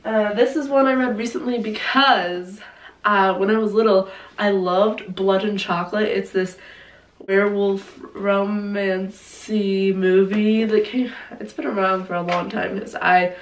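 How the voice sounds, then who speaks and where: A woman's voice: mid-range voice, fairly even intonation, a little slow, distant mic. A young woman, sick with a cold, talks in a congested voice from some way off the microphone in an echoey room. Her delivery is informal and rambling, as in a casual video chat, and she often breaks off and restarts her thoughts. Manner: rambling, informal, self-interrupting, frequent "like". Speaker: book vlogger presenting favorite reads.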